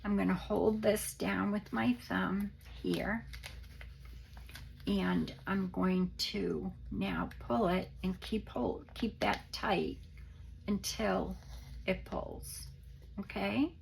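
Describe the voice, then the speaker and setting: A hoarse, unwell woman with a croaky voice that breaks into a papery whisper, gently talking through a craft demonstration in a halting, casual way, as if thinking aloud. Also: mid-range voice, fairly even intonation, low-quality recording. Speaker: craft tutorial host.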